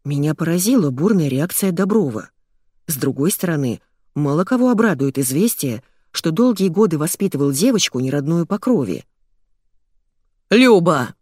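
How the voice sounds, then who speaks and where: A woman narrates a first-person audiobook in a wry, conversational way. Her pitch moves around with lively phrasing. The sound is close and dry, as from a studio mic. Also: fairly quick, breathy edge, no echo.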